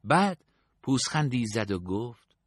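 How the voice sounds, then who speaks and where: A man reads a story aloud with a steady, even storytelling delivery. His voice sits at a middle pitch, and the recording sounds dry and close, with no room around it. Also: breathy edge, dry recording. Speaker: narrator. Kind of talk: audiobook narration.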